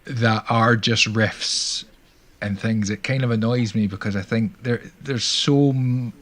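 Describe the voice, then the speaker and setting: A man's voice: on the low side, steady tone, a little slow, a bit bright. A man hosting a music stream, chatting casually and rambling a little with restarts. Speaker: stream host. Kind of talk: casual chat.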